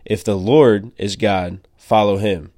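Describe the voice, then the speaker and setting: A man's voice: on the low side, fairly even intonation, slow pace, dark tone, dry recording, clean studio sound. A man reading as Elijah, stern bold prophet.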